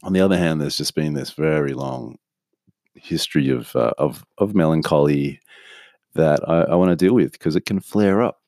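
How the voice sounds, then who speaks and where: Male podcast host, very low voice, dry close sound, candid rambling monologue. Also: big pitch swings, normal speed, creaky, warm tone, no echo. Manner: rambling, candid, self-interrupting with restarts. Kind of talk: casual solo podcast monologue.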